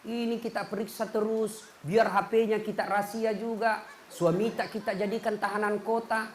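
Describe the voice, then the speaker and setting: A man's voice: high voice, flat delivery, normal speed, roomy sound, noisy background. A man with a Makassar accent preaching a comedic sermon, playful and often laughing as he tells his stories.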